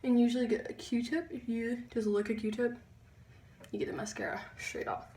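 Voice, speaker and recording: A young woman giving a chatty makeup tutorial, pausing as she concentrates. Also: a little high, level tone, mellow, distant mic. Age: young adult. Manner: chatty, halting while concentrating. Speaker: beauty vlogger. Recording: echoey room, a bit off-mic.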